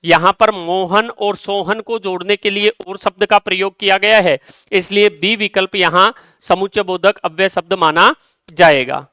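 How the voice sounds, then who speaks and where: A man teaching a live exam-solution lesson, explaining step by step and reading example sentences out slowly. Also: sits high, pushed and bright, clean tone, dry recording, clean studio sound.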